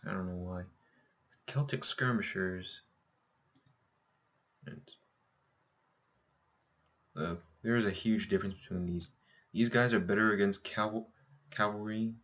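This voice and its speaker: A man with a slightly scratchy, sore-throated voice commentating casually on a game, thinking aloud and correcting himself. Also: deep voice. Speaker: gameplay host.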